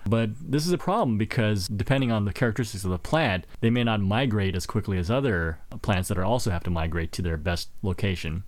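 A man's voice: on the low side, fast talker, hardly any pauses, dry recording. A man co-hosting a science show in a casual, conversational style with a wry, jokey way of talking. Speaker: co-host of a science radio show.

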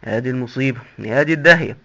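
A man's voice: medium pitch, very fast, gravelly, pushed and bright, voice pushed down. A man with an Egyptian accent voicing a disgusted, frightened former king lost in hell, pleading and squeamish. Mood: fearful disgusted. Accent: Egyptian Arabic. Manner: squeamish, pleading, fearful exclamations. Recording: dull lo-fi recording.

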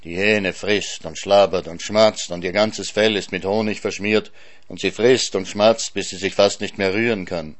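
A man reading a folk tale aloud as narrator, calm and measured. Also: sits low. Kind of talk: scripted story narration.

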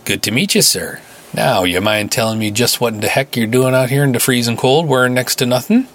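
A man's voice: mid-range voice, a little fast, fairly bright tone, pitched above the performer's own voice, close to an everyday voice. A man voicing a kindly older small-town police officer with a northern Minnesota accent and a friendly, folksy manner. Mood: concerned, folksy.

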